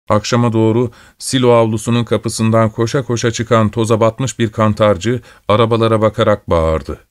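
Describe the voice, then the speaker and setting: A man reading a novel aloud in steady, measured audiobook narration. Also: fairly low pitch, dry recording, studio quality.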